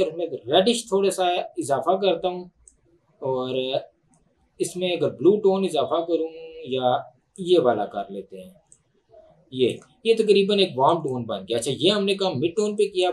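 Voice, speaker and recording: A man with a Pakistani Urdu accent walks through a software tutorial at his computer, unhurried and thinking aloud with fillers and restarts. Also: on the high side. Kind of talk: screen-recorded tutorial explanation.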